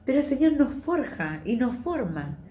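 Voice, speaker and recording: A woman's voice: sits high, very animated, normal speed, mellow, roomy sound, slight background noise. A woman with a Rioplatense Spanish accent giving a conversational testimony sermon in church, confiding and chatty, often checking in with her listeners. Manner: chatty, confiding, often adds tag questions.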